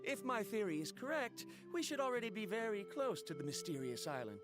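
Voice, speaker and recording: Game scholar: pedantic, precise lecturer with a villain's tone, animated intonation, faint music underneath. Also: male voice, high-pitched, brisk. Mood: self-assured, exacting. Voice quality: typical villain voice. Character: pedantic scholarly male researcher with a villainous air. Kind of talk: scripted game dialogue.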